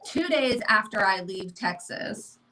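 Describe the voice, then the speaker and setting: On a home livestream, a woman in her thirties co-hosts a casual chat, talking candidly and animatedly at a mirror by a window and speaking over others. Her medium-pitched voice is unhurried, with noisy background sound.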